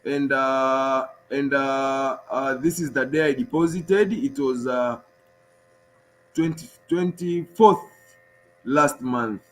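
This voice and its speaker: A man's voice: mid-range voice, slow pace, a bit bright. A man from Tanzania, a guest on a casual live-stream chat, explaining step by step while showing his screen on a video call.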